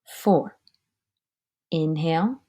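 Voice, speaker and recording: A deep-voiced woman guides a breathing meditation, giving calm, measured instructions. Her words often trail off into a breathy near-whisper.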